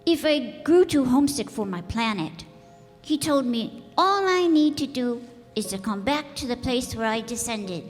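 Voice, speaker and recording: A woman's voice: on the high side, animated, normal speed, natural voice. A woman playing an earnest, curious little boy prince from another planet in a radio play, persistently asking questions. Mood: earnest, frank. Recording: echoey hall, music behind.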